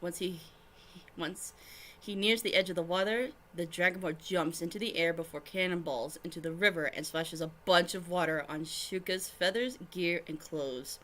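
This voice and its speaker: A woman's voice: on the low side, moderate pace, fairly bright tone. A woman streamer reading her fan fiction aloud, giggling and breaking off to explain to friends.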